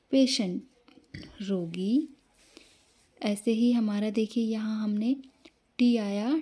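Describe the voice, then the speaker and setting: A woman with a medium-pitched, dark-toned voice gives a slow, explanatory English pronunciation lesson. She spells out letters one by one and poses questions to the class, then answers them herself.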